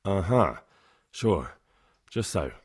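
A young medieval commoner hero in a game. His voice is low and husky with lively intonation, plain-spoken and earnest, over faint music. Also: slow pace, no echo, studio quality, exaggerated voice. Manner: plain, direct questioning. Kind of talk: video game dialogue acting.

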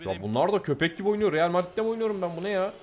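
A young man giving live, excitable commentary on his own gameplay, jumping from calm play-by-play to angry outbursts. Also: sits high, very fast. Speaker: gameplay streamer.

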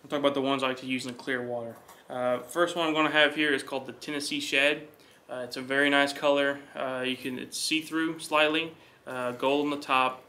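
A young man co-hosting a fishing channel, explaining technique in a quick, relaxed way with filler words. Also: mid-range voice. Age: young adult. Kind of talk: casual gear talk to camera. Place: indoor living room.

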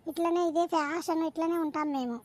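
A woman's voice: very high voice, steady tone, quick pace, darkish tone. Woman doing a defiant cartoon teenage girl. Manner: defiant, dismissive. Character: stubborn modern teenage girl.

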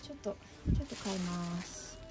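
A succulent vlogger, middle-aged, chats casually in her indoor entryway with a shelf, showing plants to the camera. Her fairly low voice has lively intonation and a moderate pace, with music playing underneath.

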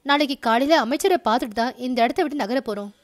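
A man's voice: extremely high pitch, fast talker. A woman voicing a stubborn male leader of a crowd of protesters who refuses to leave. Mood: defiant. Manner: defiant, insistent.

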